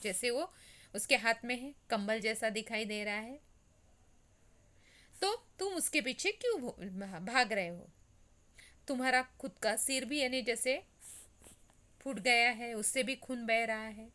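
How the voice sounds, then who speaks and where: Slow, bright-voiced woman explaining a lesson. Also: a little high, steady tone. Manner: reads a line, then explains it simply, often with "yani" and "jaise". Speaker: teacher. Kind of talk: reading and explaining a Hindi lesson.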